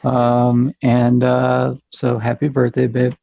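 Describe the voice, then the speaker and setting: A man competing in an online trivia match, wisecracking and chiming in with quick jokes over dull lo-fi call audio. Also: mid-range voice, monotone, gravelly, no echo. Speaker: trivia contestant. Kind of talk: casual online show banter.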